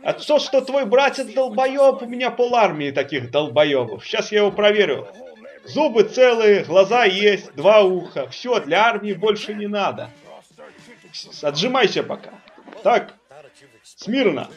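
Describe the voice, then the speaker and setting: A man's voice: high voice, big pitch swings, measured pace, muffled recording, soft background music. A man voicing a bullying, foul-mouthed army drill sergeant who barks commands and insults in a comic parody dub. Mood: menacing, scornful.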